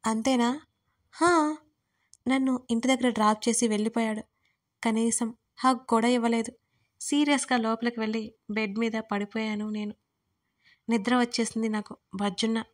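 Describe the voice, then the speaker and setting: A woman narrating a romance audio story in a steady storytelling way. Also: on the high side, normal speed.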